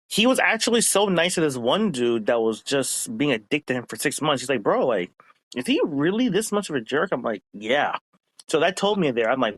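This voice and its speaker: Brief: easygoing podcast man, middle pitch, relaxed anecdotes. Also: no echo, poor audio. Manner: laid-back, relaxed storytelling with fillers. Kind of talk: casual podcast chat.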